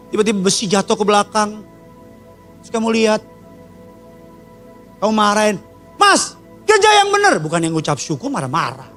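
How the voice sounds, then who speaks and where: A male pastor, preaching a sermon with animated storytelling and acting out voices. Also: sits high. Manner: animated storytelling, acting out voices of God, angels and his child.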